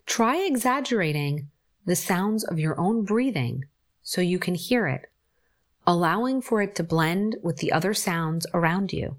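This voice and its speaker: A woman leads a guided meditation in an unhurried, soothing way, leaving long pauses between phrases. Her voice sits a little low, yet it rises and falls in a lively, melodic line. Each instruction comes out gentle and calm. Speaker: forest bathing guide.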